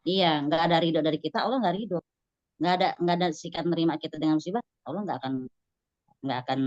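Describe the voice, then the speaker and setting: A woman giving a casual religious study talk, lively and acting out quoted voices. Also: low-pitched, no room sound. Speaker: religious teacher. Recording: dull dry lo-fi recording.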